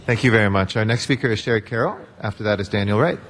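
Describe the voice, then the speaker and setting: A man's voice: lowish voice, fast talker, a bit bright, a little hiss or hum. A man chairing a council meeting, making brief procedural announcements of who speaks next.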